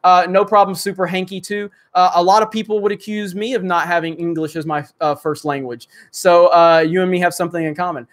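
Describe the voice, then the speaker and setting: This man talks fairly quickly with a high voice and fairly even intonation, barely pausing. He's hosting a casual livestream, reading super chats and answering comments in a rambling, filler-packed way.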